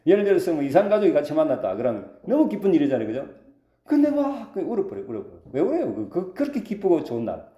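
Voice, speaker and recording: Animated pastor preaching in echoey hall. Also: male voice, a little high, fast talker, highs cut off. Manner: lively preaching with call-and-response questions. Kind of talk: sermon. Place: church sanctuary.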